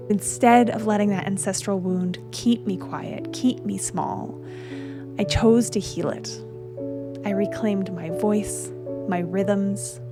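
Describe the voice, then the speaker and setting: Soft-spoken woman hosting a spiritual podcast. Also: mid-range voice. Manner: soft, earnest, measured delivery. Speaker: podcast host. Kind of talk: spiritual podcast narration and interview.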